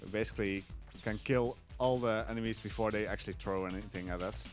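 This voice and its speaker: A man with a lowish voice talks at a quick pace while commentating live on his own speedrun. Though fast, he stays relaxed and hesitant, explaining as he plays with many fillers, and faint music runs behind him.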